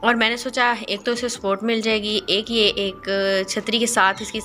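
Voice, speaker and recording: A woman narrating a voice-over for her garden makeover video, explaining each step calmly with small hesitant pauses. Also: on the high side. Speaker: gardening channel host.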